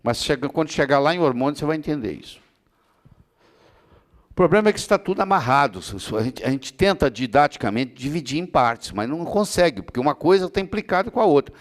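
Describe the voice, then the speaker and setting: A man with a slightly high voice and lively intonation speaks fast in a classroom medical lecture with Q&A. He answers students' questions using everyday analogies and frequently checks that they understand.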